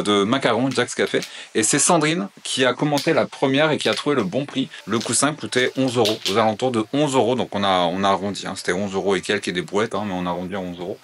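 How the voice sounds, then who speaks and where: A man's voice: mid-range voice, fairly quick, hardly any pauses, noisy background. A man vlogging casually about his week at his candle workshop, often hesitating with filler sounds. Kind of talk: casual vlog chat.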